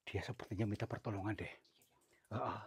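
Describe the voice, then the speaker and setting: Husky man whispering in a cave. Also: lowish voice, brisk. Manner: coaxing, soothing, often hushed. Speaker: cave explorer host. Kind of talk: staged exploration vlog. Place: inside a cave.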